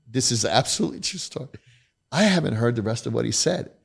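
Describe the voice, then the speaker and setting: Middle-aged male guest, gravelly voice, candid, emphatic storyteller. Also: medium pitch, expressive, fast talker. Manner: emphatic, blunt, self-deprecating. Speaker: podcast guest, retired federal agent.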